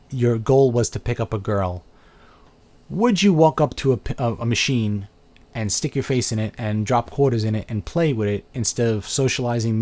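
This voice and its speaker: Medium in pitch with a darkish tone, this middle-aged Brooklyn man with a New York accent hosts a live video chat on his webcam, casually answering questions from viewers. He talks in a rambling, chatty manner, using fillers as he thinks aloud.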